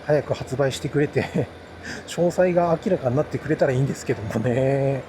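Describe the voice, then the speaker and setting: A man chatting casually and politely to viewers as a motovlogger, explaining things with drawn-out phrase endings, his voice recorded inside a helmet. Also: mid-range voice. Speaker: motovlogger reviewing action cameras. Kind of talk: casual solo chat to viewers. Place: riding a motorbike outdoors, talking inside a helmet. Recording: noisy motorcycle ride, inside a helmet.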